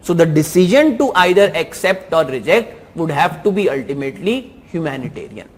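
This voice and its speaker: High-pitched Indian man teaching. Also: sing-song, fairly quick. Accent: Indian English. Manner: repeats key phrases for emphasis, mixes in Hindi. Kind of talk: exam answer review lesson.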